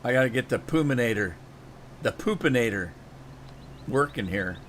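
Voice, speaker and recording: A man with a mid-range, slightly bright voice and lively intonation talks at a moderate pace while live-streaming a farming game, rambling in a homespun way and often stopping and restarting his thoughts. His voice sounds a little worn, as though he's losing it. It's casual stream chat during play, recorded on a desk mic with faint noise underneath.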